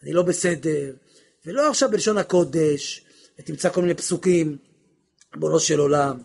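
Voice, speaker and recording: A man teaching a religious lesson on prayer, impassioned, swinging from hushed asides to shouts and acting out little dialogues. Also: a little high, vocal fry, breathy edge.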